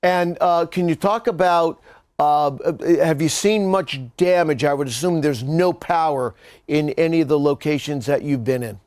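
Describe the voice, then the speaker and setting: A male news anchor with a slightly high voice conducts a live weather interview. He feels his way through questions haltingly, often rewording them midway. The sound is dry, with little room in it. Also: darkish tone, smooth, no room sound.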